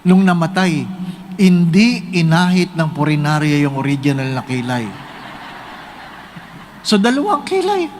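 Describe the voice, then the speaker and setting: Man, Filipino accent, priest, humorous homily, high voice, lively swings, faint hum. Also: a little slow, pauses often. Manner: joking, animated storytelling with rhetorical questions.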